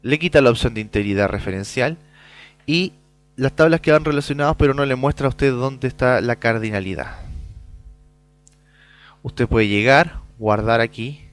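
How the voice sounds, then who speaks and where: A man's voice: mid-range voice, moderate pace, long pauses, soft background music. A man explaining a database program in a screencast tutorial, checking in with the listener as he goes and muttering while he types in example data. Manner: explanatory, peppers lines with "¿ya?"; mutters quietly while typing in sample data. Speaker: software course instructor.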